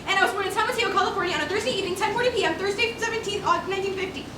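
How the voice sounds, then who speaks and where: A woman's voice: extremely high pitch, racing. A woman playing a sweet, eager young dancer, chattering on. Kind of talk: stage musical acting. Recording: echoey stage, distant mic, hum behind.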